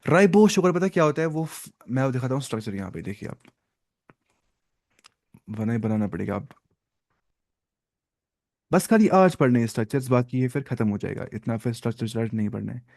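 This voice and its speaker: A man teaching biology in an online lecture, mixing Hindi and English, slowly explaining and asking questions he answers himself. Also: mid-range voice, expressive, vocal fry, darkish tone. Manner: asks the class questions and answers them himself, repeats "ठीक है"; slow, stop-start explaining with fillers.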